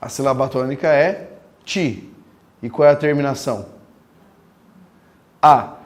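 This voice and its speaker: A man teaching a grammar lesson, emphatic and drawing out terms slowly as he dictates. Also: medium pitch. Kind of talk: recorded classroom lecture.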